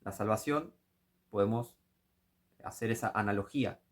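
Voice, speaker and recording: Speaking at a moderate pace in a lowish voice, this Rioplatense-accented man preaches a critical commentary on a sermon. He scolds and climbs into passionate shouting.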